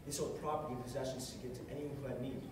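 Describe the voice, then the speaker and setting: In a medium-pitched voice with fairly even intonation, a young man rattles off a short, earnest sermon, repeating phrases for emphasis. He's on stage at a music stand in a large carpeted hall. A camera across the room records it, leaving the sound echoey and noisy.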